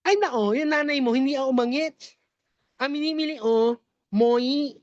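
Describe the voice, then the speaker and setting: A man's voice: very high voice, normal speed, no room sound. Woman doing a nasal, muffled-talking guy. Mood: pleading. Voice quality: heavily nasal, muffled speech. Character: nasal-voiced young man, easily annoyed.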